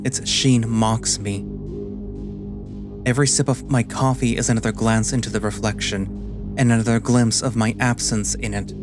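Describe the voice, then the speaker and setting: Playing a weary animal sailor wracked with guilt, a man narrates a first-person story quietly, subdued, slow and deliberate. His mid-range voice sounds close to an everyday one.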